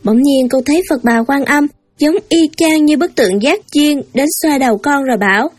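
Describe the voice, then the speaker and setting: A woman's voice: sits high, moderate pace, no echo, faint music behind, lightly acted. A woman voicing a sweet young daughter who talks in an innocent, pleading way.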